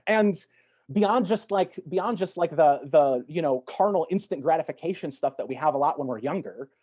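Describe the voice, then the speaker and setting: This man's voice sits a little high, with a darkish tone and lively intonation. Appearing as a podcast guest, he chats casually and reflectively, pausing and repeating words while he thinks, all captured on dull, lo-fi audio.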